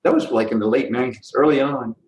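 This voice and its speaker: Lively man in an echoey room. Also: mid-range voice, fast. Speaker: recruiting guest. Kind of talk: podcast interview.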